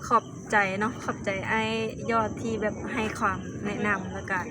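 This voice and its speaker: A woman's voice: mid-range voice, steady tone, normal speed. A Lao single mother with a Phu Thai accent, speaking Thai as a second language in a casual interview, giving short replies and laughing easily. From Laos. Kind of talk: casual conversation. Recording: background noise.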